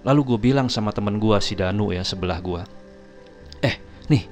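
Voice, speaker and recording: Low-voiced man telling a chatty story. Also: fast, a little mellow, faint music behind. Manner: chatty, keeps addressing his viewers, chuckles often. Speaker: storytelling vlogger. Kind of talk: casual first-person storytelling.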